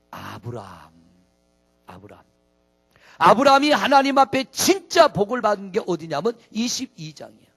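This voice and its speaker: A man's voice: high voice, fairly bright tone. A middle-aged man preaching a sermon as pastor, folksy, asking the congregation questions.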